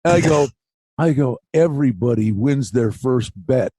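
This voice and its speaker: A man's voice: mid-range voice, animated, unhurried, mellow, breathy edge, no room sound. A man co-hosting a golf betting show, telling a story in casual chat, stammering and restarting, acting out the people he quotes.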